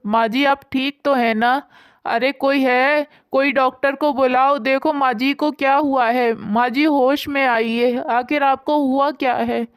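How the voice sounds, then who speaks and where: A woman's voice: on the high side, level tone, a little slow, clear, resonant tone, no echo, clean studio sound, close to an everyday voice. A woman voicing a meek, kind young daughter-in-law who speaks earnestly, in a storybook. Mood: panicked. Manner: pleading, earnest.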